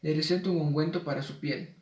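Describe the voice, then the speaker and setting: A man with a somewhat high voice reads a spelling lesson in a measured way. He slows down for the example words. He sounds a little off the mic, in an echoey room. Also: fairly even intonation, distant mic. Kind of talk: reading a spelling lesson aloud.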